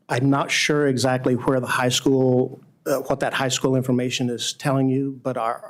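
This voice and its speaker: A man answering questions at a formal meeting as a school administrator, in an explanatory style. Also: mid-range voice.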